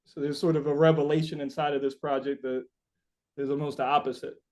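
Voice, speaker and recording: A man speaks in a slightly high, level voice with a darkish tone, moving a little fast. Interviewed as a musician, he muses reflectively and philosophically, rambling, circling back and repeating his own phrases.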